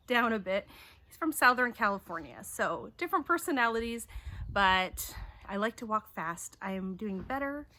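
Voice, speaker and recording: Middle-aged woman, vlog host, chatty and upbeat, bright voice, casual talk outside. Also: mid-range voice. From Taiwan. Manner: chatty, answering questions in turn. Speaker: homeschooling YouTube host. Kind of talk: casual chat. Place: outdoors.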